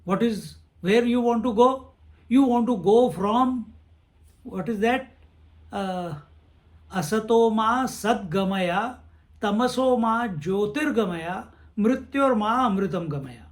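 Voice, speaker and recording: High-voiced swami teaching. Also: male voice, slow pace. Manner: repeats phrases, chants verses. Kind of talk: spiritual discourse.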